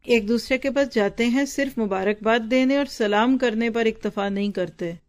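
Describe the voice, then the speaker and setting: A woman's voice: on the high side, normal speed, a little mellow. A woman teaching from a religious book, explaining hard words and answering her own questions. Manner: explains difficult words, asks and answers herself.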